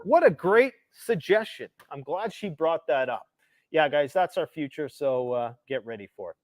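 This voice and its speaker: A man's voice: a little high, expressive, moderate pace, no echo. A Canadian man hosting a political livestream, ranting emphatically and sarcastically about world events. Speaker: livestream host.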